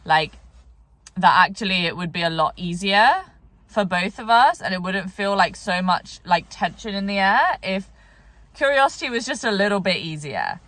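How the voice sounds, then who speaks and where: A woman's voice: medium pitch, lively intonation, moderate pace, a bit bright, no echo. A tired woman thinking aloud in a rambling vlog monologue about horse training, with many fillers and restarts. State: tired, yawning.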